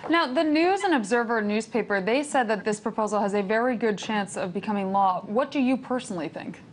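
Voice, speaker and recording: A woman's voice: on the high side, a little fast, slight background noise. A woman news anchor introducing a story and interviewing a guest, reading the script with small slips and self-corrections.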